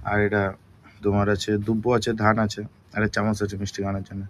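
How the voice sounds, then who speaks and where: A hoarse young man with a cold, vlogging from home on a phone and chatting straight to his viewers. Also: on the low side, monotone, fast, a little hiss or hum. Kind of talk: casual daily vlog. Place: at home, indoors.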